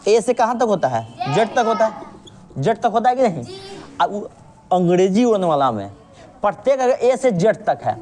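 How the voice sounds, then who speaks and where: Woman, teacher, very expressive pitch, patient, checks understanding constantly, call-and-response drilling. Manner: patient, keeps checking understanding with repeated questions; calls the student "babu", drills with call-and-response. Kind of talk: reasoning lesson for students.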